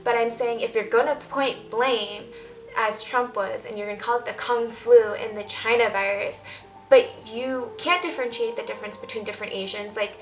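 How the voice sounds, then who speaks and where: Talking casually to camera, a woman delivers emphatic, opinionated takes with candor. Her voice is a little high, steady in tone and at normal speed. There is a roomy echo in the recording, plus faint, soft background music.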